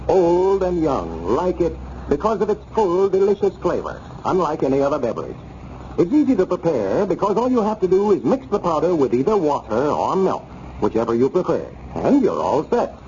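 Male old radio show announcer, upbeat sales pitch, lively swings in pitch, warm tone, muffled vintage broadcast sound. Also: normal speed, slight background noise. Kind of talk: scripted old-time radio announcing and commercial read. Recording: dull, lo-fi old radio recording.

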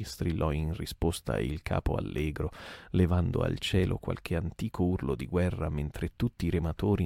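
A man reading a classic novel aloud as a calm, sleep-inducing narration, with occasional small restarts. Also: sits low, gravelly, no room sound, studio quality. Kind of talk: soporific audiobook reading.

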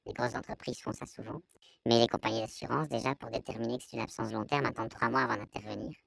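Man, Belgian French accent, deep pitch-shifted disguise, heavy vocal fry, hesitant explanations, dry close sound. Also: fairly even intonation, quick pace, fairly bright tone, dry recording. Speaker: anonymous interviewee giving testimony. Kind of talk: personal testimony in an interview.

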